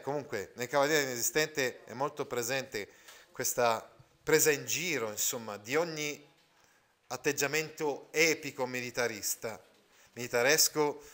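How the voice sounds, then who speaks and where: A man's voice: medium pitch, a bit bright. A man teaching a literature lesson, reading passages aloud and breaking off to explain, with many "eh" and "no?" tags and frequent self-corrections.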